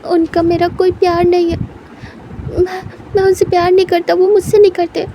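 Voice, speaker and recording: A woman's voice: extremely high pitch, flat delivery, moderate pace, background noise. A woman voicing an emotional young man who stammers through tears in a story reading. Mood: tearful. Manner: pleading, choked, stammering.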